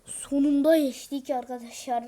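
A woman doing casual gameplay commentary, excitable and slangy, yelling at teammates in bursts. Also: sits high, normal speed. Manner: slangy, rough-talking banter. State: out of breath. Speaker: gaming video creator. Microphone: screen-recorded game commentary mic.

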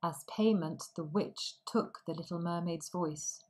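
Slow, clear woman reading a fairy tale. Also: on the low side, darkish tone, rough recording. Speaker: storyteller. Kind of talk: storybook narration for language learners.

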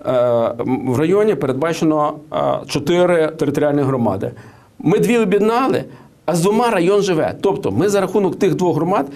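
A man's voice: a little high, lively intonation, fairly quick, darkish tone. A man giving political and economic commentary in an interview, who hesitates with many fillers and restarts and tells anecdotes. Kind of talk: studio interview.

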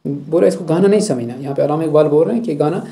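A male teacher explaining a poem line by line, reciting each verse slowly and then explaining it with a habitual "thik hai". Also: fairly high pitch, vocal fry, mellow. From Jammu and Kashmir.

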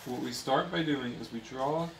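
A man's voice: mid-range voice, moderate pace, creaky, roomy sound, a little hiss or hum, rough recording. A young man hosting a casual vlog, giggling and asking his friends questions. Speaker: vlogger. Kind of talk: casual chat.

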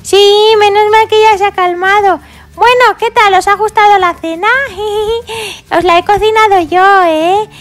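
A woman from voicing a cheerful little girl pig who fusses over her baby dolls in a sing-song, drawn-out way. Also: extremely high pitch, steady tone. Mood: doting. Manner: sing-song, fussing and doting, drawn-out words.

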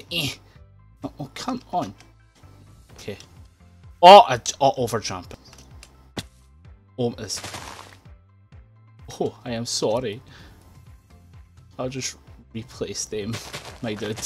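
Excitable gamer with lively pitch. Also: male voice. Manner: excitable, frustrated outbursts and laughing. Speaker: gaming YouTuber. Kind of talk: let's play commentary. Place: home room at a computer. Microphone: desk mic near keyboard.

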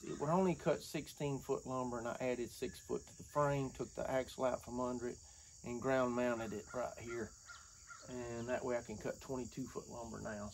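A man in his forties with a relaxed drawl, rambling folksily to camera and calling his viewers y'all. His mid-pitched voice carries a gravelly edge. He stands outdoors under an open shed, with faint insect and cricket noise behind him. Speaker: woodworking vlogger. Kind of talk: casual chat to camera.

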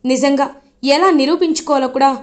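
A woman voicing a gentle young wife pleading with her mother-in-law in a serial recap. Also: sits high, brisk, close to an everyday voice.

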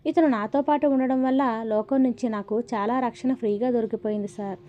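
Woman reading as a bold, brisk young woman. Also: on the high side, fairly even intonation, natural voice. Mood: cheerful. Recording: dull lo-fi audio.

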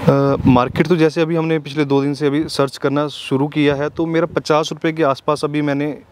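विनम्र पुरुष बाग मालिक, हल्की ऊँची आवाज़. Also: male voice, fairly high pitch, little pitch movement, fairly quick, no echo. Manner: polite, frequent respectful "ji". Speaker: orchard owner, pistol shooting coach. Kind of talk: interview answers. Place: outdoors in a fruit orchard.

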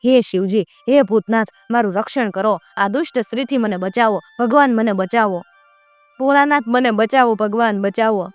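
A woman voicing a frightened young goldsmith who pleads and bargains in a hurried, fearful way. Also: mid-range voice, clear, resonant tone, soft background music, natural voice. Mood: praying.

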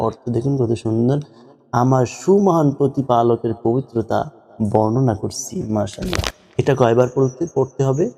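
A man teaching how to pronounce prayer recitations, drawing out each word slowly in demonstration. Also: mid-range voice, expressive, dark tone, big-room sound, slight background noise. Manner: slow, drawn-out demonstrations of pronunciation. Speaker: religious teacher.

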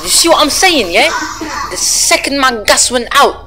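A woman's voice: high-pitched, animated, moderate pace, noisy background. Woman doing a cocky street guy. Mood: brash. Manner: loud taunting outbursts, slangy, bossy. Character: brash young British street guy, trash-talking gamer. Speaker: gamer. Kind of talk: playing a video game on camera.

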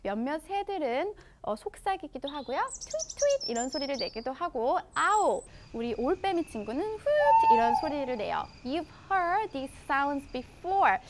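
A woman with a Korean accent teaching children English through a picture book, reading the English slowly and explaining each part in her own language. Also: sits high, wildly swooping pitch, heavy background noise. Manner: slow, exaggerated English read-aloud with quick explanations in her own language. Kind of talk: bilingual storybook lesson for children.

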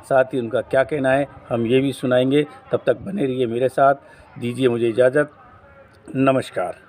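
A man's voice: medium pitch, steady tone, normal speed, a little mellow. A man, presenting a local news report as its host and reading out a memorandum in a formal tone.

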